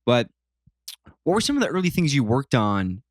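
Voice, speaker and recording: A man's voice: medium pitch, very animated, normal speed, no echo, clean studio sound. A man hosting a podcast, asking friendly, curious follow-up questions. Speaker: podcast host. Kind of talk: interview questioning.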